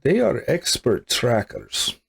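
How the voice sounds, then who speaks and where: Wary jungle guide, broken clipped speech, slow, lively pitch, as a man voices them. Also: creaky, husky, heavily acted. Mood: serious.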